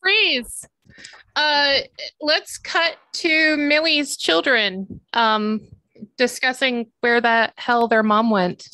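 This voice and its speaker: A woman's voice: high voice, very slow, sharp tone, low-quality recording. A woman hosting an improv show, giving live commentary and calling the scene changes.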